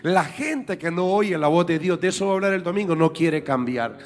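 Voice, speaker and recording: High-voiced emphatic male preacher. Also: animated, normal speed, in a large hall, soft background music. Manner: emphatic, repeats key points for the congregation. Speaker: apostle and preacher. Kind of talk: sermon. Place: church sanctuary.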